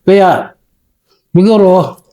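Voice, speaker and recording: Filipino man, soldier recounting combat, high mellow voice, respectful, sir after every phrase. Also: extremely slow. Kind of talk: interview storytelling.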